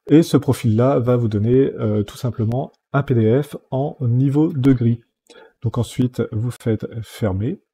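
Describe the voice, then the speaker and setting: A man hosting a screen-recorded software tutorial, explaining each step plainly with many small fillers. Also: medium pitch, slightly rough.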